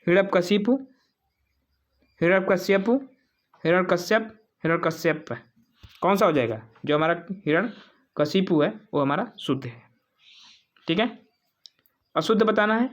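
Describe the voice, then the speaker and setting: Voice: mid-range voice, measured pace, long pauses. Teacher going through quiz questions for an exam, keeps repeating each word and saying okay, asks then answers. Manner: repeats each spelling several times and fills with "ठीक है"; poses questions to viewers, then answers them. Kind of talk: exam-prep quiz walkthrough.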